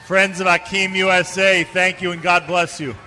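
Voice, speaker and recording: A man co-commentating a parade with casual banter and live shout-outs. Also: high-pitched, little pitch movement, normal speed. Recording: music behind, live event broadcast.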